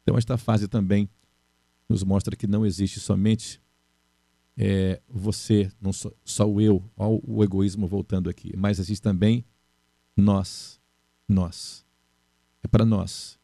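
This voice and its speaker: Gravelly low-voiced middle-aged preacher man. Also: level tone, a little slow, pauses often, mellow, dry recording. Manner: earnest, repeats key phrases. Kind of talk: sermon on marriage.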